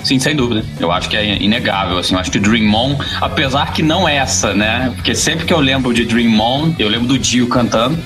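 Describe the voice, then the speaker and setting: A man's voice: medium pitch, a little fast, few pauses. A young Brazilian man in a casual music discussion, giving reflective opinions and often rephrasing as a podcast panelist.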